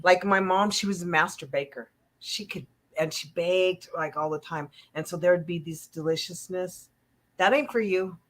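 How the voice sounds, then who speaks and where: A woman hosting a casual interview, talking in an emotional, expressive way and laughing easily. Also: lowish voice, moderate pace. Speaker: host.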